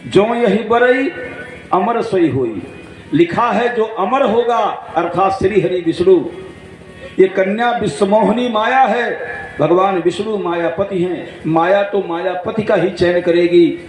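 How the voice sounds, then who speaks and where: A man giving a devotional sermon, acting out dialogue in jokey anecdotes and slowly chanting verses, recorded through a PA at a large outdoor gathering. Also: sits high, a little mellow. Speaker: Bhagwat katha storyteller. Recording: echoey PA sound with faint instrument music.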